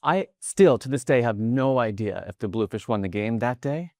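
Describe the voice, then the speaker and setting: A man in his thirties from the New York area, giving a motivational keynote in a large conference hall as an energetic storyteller whose voice rises when he gets excited. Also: medium pitch, normal speed, studio quality. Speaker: keynote speaker.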